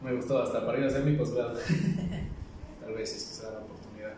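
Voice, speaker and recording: A man's voice: mid-range voice, a little fast. Young man telling stories in an echoey room. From Ecuador. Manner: lively storyteller, keeps saying "literally". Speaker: podcast guest, doctor. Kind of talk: casual chat. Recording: roomy echo, distant mic, noisy.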